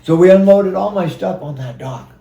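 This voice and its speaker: A man's voice: sits high, creaky, mellow. Man telling a story, distant and roomy. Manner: halting, recounts events with quoted dialogue. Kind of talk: personal storytelling. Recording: roomy sound from a distant mic.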